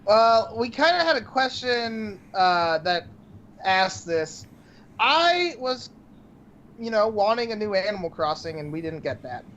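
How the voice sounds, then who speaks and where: High, lively man on a podcast. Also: measured pace, muffled recording, slight background noise. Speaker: podcast co-host. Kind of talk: casual podcast chat.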